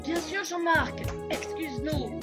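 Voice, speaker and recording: Woman as a yoga teacher, very high voice, slow and calm, music playing. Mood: instructing. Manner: instructive, calm. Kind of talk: amateur theatre web-series acting.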